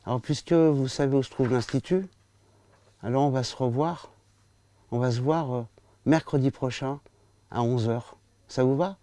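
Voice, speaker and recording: A man's voice: mid-range voice, normal speed, pauses often, dark tone, dry recording, lightly acted. A man recounting an older writer, courteous. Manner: polite and formal. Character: older male famous writer on the phone, courteous.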